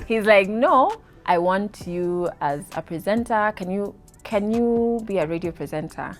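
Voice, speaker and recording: As an interview guest, a woman in her thirties with a Kenyan accent relates her story with animation and laughter. Swahili words creep into her speech, delivered in a mid-range voice at a slightly slow pace.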